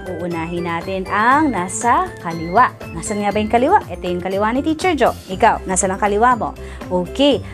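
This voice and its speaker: A woman's voice: a little high, a bit bright. A woman teacher leading a children's lesson in an exaggerated, sing-song and encouraging way.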